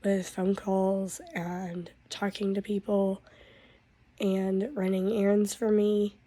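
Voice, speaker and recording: Hoarse woman with a cold. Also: mid-range voice, little pitch movement, warm tone. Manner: drawn-out, weary talk with a cough. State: hoarse from losing her voice; stuffed up with a cold. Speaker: vlogger. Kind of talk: casual vlog update.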